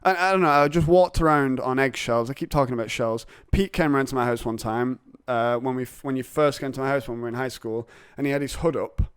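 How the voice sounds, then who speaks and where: Man, podcast host, smooth clear voice, dry close sound, rambling jokey chat. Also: mid-range voice, fast talker, few pauses, dry recording. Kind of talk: casual chat.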